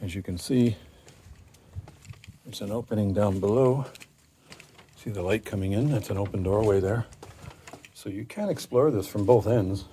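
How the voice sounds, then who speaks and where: A man narrating a casual walking tour of an old fortress outdoors, rambling with many pauses and fillers, recorded on a handheld camera mic. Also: on the low side, dark tone, a little hiss or hum. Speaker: tour guide vlogger.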